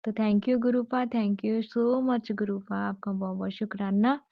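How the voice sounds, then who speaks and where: A woman's voice: medium pitch, steady tone, measured pace, gravelly, no echo, dull audio. A woman earnestly sharing a devotional testimony, repeating her thanks to her guru, recorded as a phone voice note.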